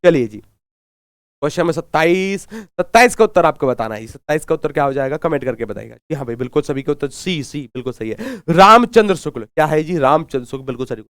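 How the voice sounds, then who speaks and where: A man's voice: a little high, lively intonation, fast talker, a bit bright, dry recording, clean studio sound. Man drilling a live Hindi exam class. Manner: drills answers with repeated questions and call-backs; urges viewers to comment answers. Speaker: online exam tutor.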